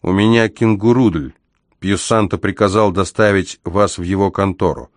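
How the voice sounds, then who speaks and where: A timid, twitchy little accountant, voiced by a man, who whispers secrets and squeaks in panic. He sounds jittery and furtive. The take is dry and close, over a low male voice. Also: fairly even intonation, moderate pace, no echo, lightly acted. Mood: secretive. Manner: nervous, squeaky when frightened.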